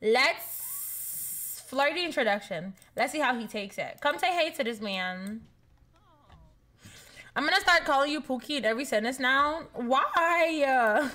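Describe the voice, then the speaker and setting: A young woman streaming a life-sim game live, chatting with viewers and shrieking with excitement in drawn-out repeats. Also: sits high. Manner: chats with viewers, says thanks for follows. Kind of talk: casual live-stream commentary.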